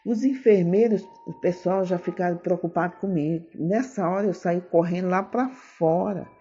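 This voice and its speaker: Woman preacher, fervent testimony, mellow voice, muffled recording with soft music under it. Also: normal speed, breathy edge. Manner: fervent, repeats phrases, voice climbs high when moved. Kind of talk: emotional testimony and sermon. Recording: dull lo-fi recording with faint music.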